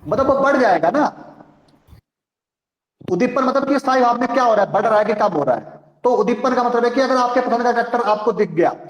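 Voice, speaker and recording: A man's voice: very high voice, expressive, brisk, long pauses. A male teacher giving an online class, explaining with rhetorical questions and often checking that students follow. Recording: echoey room.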